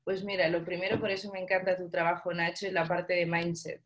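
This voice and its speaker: Young woman, interview guest, fairly low voice, animated storyteller. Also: a little fast. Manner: animated storyteller, acts out dialogue. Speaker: guest entrepreneur.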